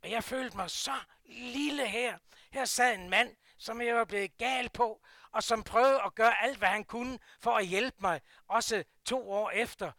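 An older man with a Jutlandic Danish accent telling a personal story from his working life, swinging between loud bursts and hushed asides. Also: very high voice, no echo, clean studio sound. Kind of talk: personal anecdote.

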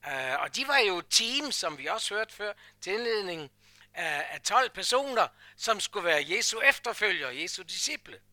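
A man preaching a sermon, emphatic, swinging from hushed asides to loud repeated declarations. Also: high voice, big pitch swings, no room sound. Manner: repeats phrases in a rhythmic build.

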